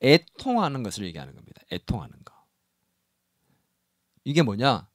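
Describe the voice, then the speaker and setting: A middle-aged man preaching a sermon as pastor in a church, animated and acting out quoted voices. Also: mid-range voice, moderate pace, no echo, studio quality. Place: church sanctuary.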